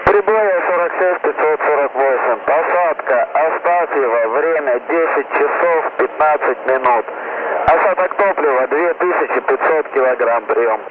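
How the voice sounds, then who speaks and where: Aircrew radio man, slightly high voice, formal reports over a tinny walkie-talkie line. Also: a little slow, noisy background. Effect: heard over a two-way radio. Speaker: aircraft crew radio operator.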